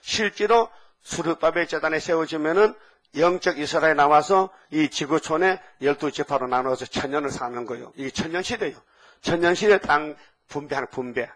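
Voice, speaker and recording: A man preaching a sermon, telling Bible stories with lively acted-out voices for the characters. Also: a little high, normal speed. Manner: animated storytelling, acting out Bible characters' voices.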